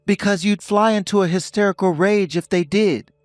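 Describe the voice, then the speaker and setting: A man in his fifties voicing a stern husband who speaks calmly and coldly, lecturing his wife. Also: sits high, normal speed, dry recording, clean studio sound, natural voice. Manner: calm, cold and lecturing. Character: stern husband ending a toxic marriage.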